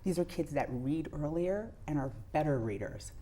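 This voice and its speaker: A woman's voice: deep voice, expressive, moderate pace, warm tone, husky. A middle-aged woman, a pediatrician giving earnest explanations with examples as an interview guest. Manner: earnest, illustrates points with examples.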